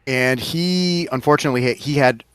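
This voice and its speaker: A man's voice: medium pitch, brisk, a bit bright, clean tone, no room sound. A man hosting a casual drinks show, rambling and correcting himself as he talks. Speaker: host mixing drinks. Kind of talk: casual chat.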